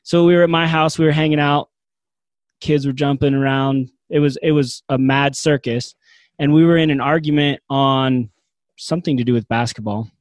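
A man's voice: mid-range voice, fairly even intonation, normal speed, no room sound. A man co-hosting a podcast, chatting casually and telling rambling anecdotes. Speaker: podcast co-host. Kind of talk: casual chat.

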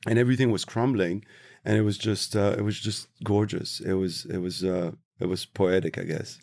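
A low, gravelly man from Tunisia speaks as an interview guest. He is reflective and unhurried, pausing to search for his words. The recording is dry and close. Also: steady tone, a little mellow, dry recording. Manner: thoughtful, slow, searching for words. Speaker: interview guest, travel industry professional.

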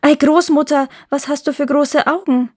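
A woman voicing a trusting little girl in a fairy tale reading, talking high and eager. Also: animated, normal speed, no room sound, studio quality. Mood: wondering. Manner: bright, eager, chattering.

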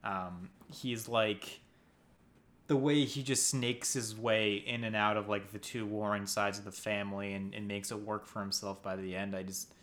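A man hosting a casual chat about TV awards, earnest and quick to laugh, with hesitant fillers. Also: lowish voice, little pitch movement, fairly bright tone. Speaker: podcast host.

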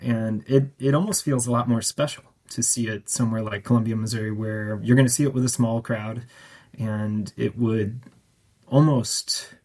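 A man talks as a guest on a radio interview about the festival he curates. He speaks thoughtfully, pausing with fillers at an ordinary pitch. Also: fairly even intonation, a little mellow. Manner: thoughtful, hesitant, many fillers.

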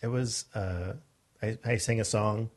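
A man's voice: fairly low pitch, fairly even intonation, unhurried. A man co-hosting a casual podcast chat about acting and production. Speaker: podcast co-host.

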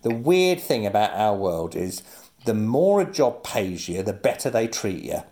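A male guest in easy conversation, his voice rising and falling a lot as he tells anecdotes. He laughs often and slips into quick impressions of other people mid-story. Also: on the low side, sing-song, darkish tone. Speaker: guest, actor and comedian. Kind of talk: casual chat.

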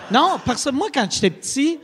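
Lively high-voiced Quebec man joking. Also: normal speed, background noise. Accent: Quebec French. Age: 40s. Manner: joking, crude and self-mocking. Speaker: podcast host. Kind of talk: casual podcast chat.

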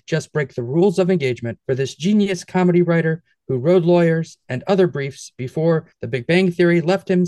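A man's voice: fairly high pitch, a little mellow, dry recording. A man co-hosting a podcast, reeling off a pun-packed introduction and chatting casually in a jokey, theatrical way. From United States. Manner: rapid wordplay, jokey, theatrical. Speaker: podcast co-host. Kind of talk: scripted pun-filled introduction and casual chat.

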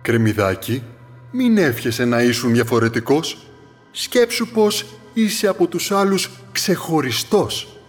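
A man voicing a lively, playful fallen star in a children's audio story, teasing and then encouraging. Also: medium pitch, soft background music, lightly acted. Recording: long reverb.

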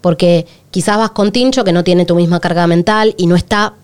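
A woman's voice: lowish voice, fairly quick, clean tone. A woman with a Rioplatense Spanish accent, co-hosting a podcast in candid, confessional chat. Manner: candid, confessional, animated storytelling. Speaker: podcast co-host.

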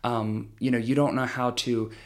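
A man's voice: medium pitch, little pitch movement, moderate pace. A young man, a guest explaining his social media business in casual chat, talking freely with plenty of fillers. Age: young adult. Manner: chatty, lots of fillers like "um" and "you know".

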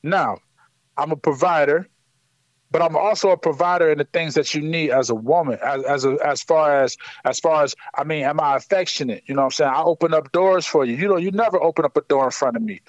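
High-voiced man talking slang by phone. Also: fairly quick, dry recording, muffled recording. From Akron, Ohio. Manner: animated storytelling, street slang, frequent "you know what I'm saying". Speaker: guest musician. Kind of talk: casual interview by phone. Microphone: phone line.

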